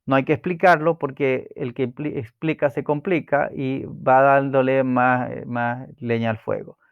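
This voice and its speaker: A man calmly explaining a self-help book chapter, pausing with fillers and restarting words as he goes. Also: medium pitch, smooth, dry recording, narrow, tinny audio. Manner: calm, explanatory, with hesitations and repeated words.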